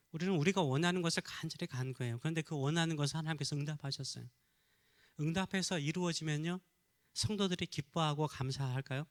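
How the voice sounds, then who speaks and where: A man's voice: on the high side, fairly bright tone. A middle-aged man from Korea preaching as a pastor, asking the congregation questions and answering them himself. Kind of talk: sermon.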